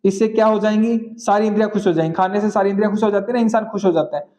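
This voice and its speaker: Guy teaching gk tricks, highish mellow voice, kinda lo-fi sound, keeps asking if it's clear. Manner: repeats phrases slowly, checks in with "clear?". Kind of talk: exam-prep lesson with memory tricks.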